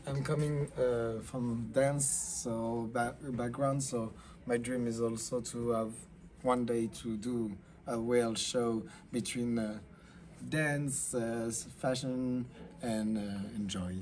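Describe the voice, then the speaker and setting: A young man with a French accent speaks slowly in a mid-range, slightly mellow voice with fairly even intonation, and there's a little hiss or hum on the recording. As a designer showing a collection in a showroom, he explains casually in hesitant, enthusiastic English.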